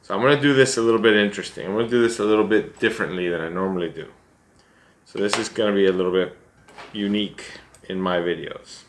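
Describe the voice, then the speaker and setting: Seated at a desk in a small room at home, an American man of middle age talks through a fly-tying tutorial step by step, chatty, self-deprecating and thinking aloud. He speaks quickly in a lowish voice, with slight background noise.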